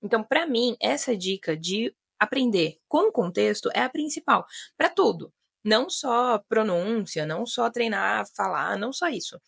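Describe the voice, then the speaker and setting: A woman's voice: on the high side, lively intonation, moderate pace, vocal fry, husky, dry recording, studio quality. A Brazilian woman in her thirties, an English teacher, explaining tips in a chatty video lesson. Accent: Brazilian Portuguese. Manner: chatty, many fillers like né and sabe.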